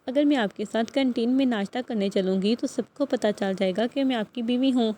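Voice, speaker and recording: A woman reads a tearful, stubborn young wife in an audiobook novel, pleading and protesting. The voice is fairly high and mellow. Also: lightly acted. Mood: fretful.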